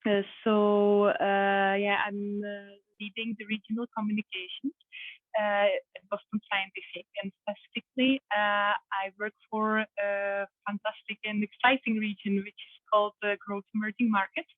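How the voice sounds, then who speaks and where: Give me a woman guest speaking flatly over a dry, tinny line. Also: mid-range voice, moderate pace, no room sound. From Czech Republic. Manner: hesitant, many fillers, laughs softly. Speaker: guest, communications manager. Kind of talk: interview. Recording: tinny phone-like remote call.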